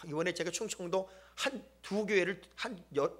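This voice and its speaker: A man preaching a sermon as a church pastor, joking and emphatic, swinging between loud exclamations and hushed asides. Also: high voice, moderate pace. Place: church sanctuary.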